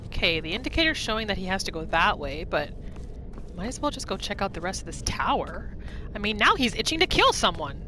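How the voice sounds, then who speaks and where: Video game music sits behind a woman of medium pitch who speaks a little fast while playfully narrating her roleplay playthrough. She's expressive and casual, talking to herself and the game over a noisy background.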